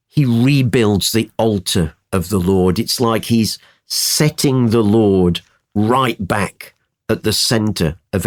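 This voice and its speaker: A man teaching from the Bible in conversation, telling the story with energy and acting out the quotes. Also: fairly low pitch. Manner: animated storytelling, acts out quotes.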